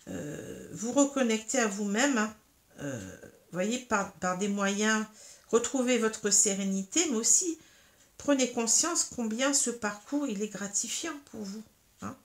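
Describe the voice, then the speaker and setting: Gravelly-voiced woman giving a tarot reading. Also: medium pitch. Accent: French. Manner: hesitant, many fillers and tags like "hein" and "vous voyez". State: has hiccups. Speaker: tarot card reader. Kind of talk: spiritual tarot reading to viewers.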